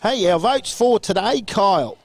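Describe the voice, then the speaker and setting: An Australian man in a post-match football wrap, rattling through ladder positions, margins and scores in a brisk, chatty way. His voice sits a little higher than most men's. The sound is dry and close, with no room around it. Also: expressive, creaky, dry recording. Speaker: football commentator. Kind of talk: post-match commentary chat.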